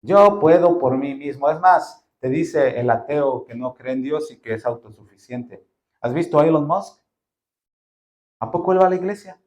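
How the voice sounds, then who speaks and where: A male pastor delivers a sermon in a fairly high voice. He keeps it lively, slipping into short acted exchanges and stacking up rhetorical questions for the congregation. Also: moderate pace. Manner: acts out dialogues, asks rhetorical questions. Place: church.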